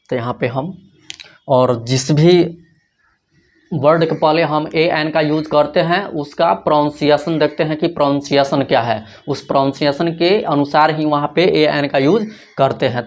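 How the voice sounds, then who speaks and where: A man's voice: a little high, moderate pace. Man teaching grammar in a raised voice. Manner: asks questions and answers them himself, repeats key points. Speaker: English teacher. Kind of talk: classroom grammar lesson.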